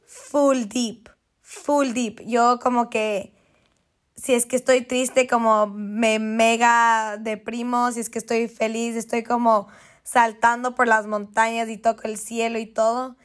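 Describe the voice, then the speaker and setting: A woman's voice: fairly high pitch, little pitch movement, a little slow. A young woman co-hosting a podcast in casual chat, chatty and dropping English slang into her talk. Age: young adult. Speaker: podcast co-host.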